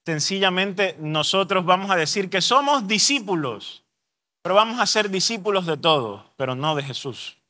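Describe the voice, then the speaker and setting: A man's voice: sits high, big pitch swings, moderate pace, bright, forceful tone. A man preaching a sermon at a youth congress, telling a story and acting out the voices of the people in it. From Colombia. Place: church congress hall.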